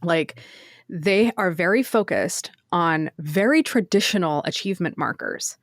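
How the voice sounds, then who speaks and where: A woman co-hosting a casual podcast discussion, animated and quick to laugh, acting out quoted answers. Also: lowish voice, dry recording, studio quality. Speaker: podcast co-host.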